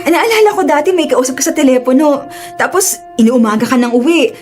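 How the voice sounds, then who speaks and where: Woman playing an expressive, scolding older sister. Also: high voice, a little fast, faint music behind. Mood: suspicious. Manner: expressive, scolding, shifting to soothing. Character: older sister, caring but quick-tempered. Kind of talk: Tagalog audio drama acting.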